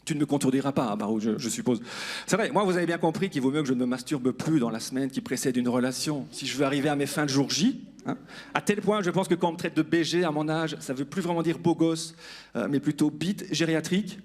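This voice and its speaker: On a live comedy club stage, a man in his 40s does a stand-up monologue straight to the audience, full of self-deprecation. His voice is on the high side, quick-paced, and darkish in tone.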